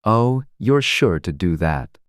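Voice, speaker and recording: A sly, unruffled talking cat from a storybook, played by a woman. The voice is low and languid, teasing in a matter-of-fact way. The sound is dry and free of echo. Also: sing-song, takes it slowly, exaggerated voice. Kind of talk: dramatized storybook reading.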